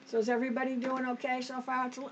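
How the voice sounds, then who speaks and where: A woman with a slightly high voice leads a relaxed sewing lesson, talking to her viewers as if they sew alongside her. Her throat is a little dry. The recording sounds a bit dull, with faint room noise behind her. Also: racing. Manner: homey, talks to viewers as "us", frequent okays and restarts. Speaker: sewing tutorial host. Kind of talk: chatty step-by-step sewing demonstration.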